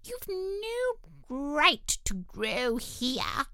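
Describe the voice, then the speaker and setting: A woman voicing a sulky, sleepy male dormouse who grumbles in a very slow drawl. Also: high voice, sing-song, bright, forceful tone, no room sound, studio quality, pitched above the performer's own voice, heavily acted. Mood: grumpy.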